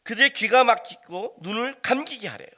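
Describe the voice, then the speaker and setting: A man's voice: extremely high pitch, animated, brisk, bright, forceful tone. A middle-aged man preaching a sermon as pastor, talking conversationally and firing rhetorical questions at the congregation.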